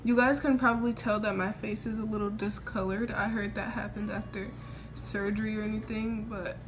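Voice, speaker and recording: A woman's voice: mid-range voice, flat delivery, normal speed. A young adult woman chatting casually as a vlogger, telling a personal story in an informal, rambling way with a mouth sore from oral surgery. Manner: informal, rambling, quoting herself. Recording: noisy homemade recording with room ambience.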